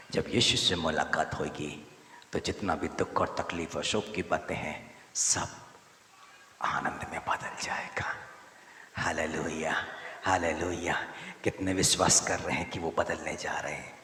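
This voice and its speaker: A very deep-voiced male pastor preaches with repeated hallelujahs, swinging from loud exhortation to hushed, breathy urgency. His voice rings through a reverberant church hall, caught from some distance. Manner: preaching, repeated hallelujahs, rising to loud exhortation then soft intense murmurs. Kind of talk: sermon. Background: congregation.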